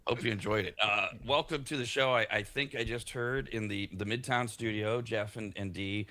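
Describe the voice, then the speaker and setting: A man hosting a morning radio show, telling stories in casual banter with an animated style and many restarts. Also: on the low side, moderate pace. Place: radio studio.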